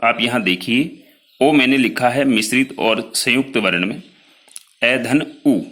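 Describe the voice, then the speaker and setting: A man teaching a lesson, explaining slowly, sounding out each letter one by one and talking straight to his students about his written notes. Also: medium pitch, a bit bright. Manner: addresses students directly, pointing to written notes. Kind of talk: classroom lecture.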